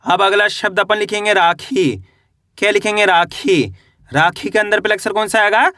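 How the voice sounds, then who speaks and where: A man teaching a beginners' Hindi reading lesson, spelling words slowly syllable by syllable and asking the class to repeat. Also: sits high, steady tone, sharp tone, no echo, studio quality. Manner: addresses viewers as friends.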